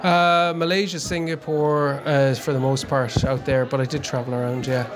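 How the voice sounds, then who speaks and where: A man's voice: medium pitch, flat delivery, normal speed, a crowd in the background. A man in his forties from Connemara with a west of Ireland accent, chatting casually and hesitantly as an interview guest. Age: 40s. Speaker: interview guest, amateur endurance cyclist. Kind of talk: casual chat.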